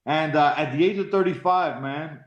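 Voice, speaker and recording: Man in his forties, halting and candid. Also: fairly high pitch. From Miami, Florida. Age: 40s. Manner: halting, repeats words, casual profanity. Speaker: guest, professional fighter. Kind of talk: candid interview storytelling. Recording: roomy, dull lo-fi sound.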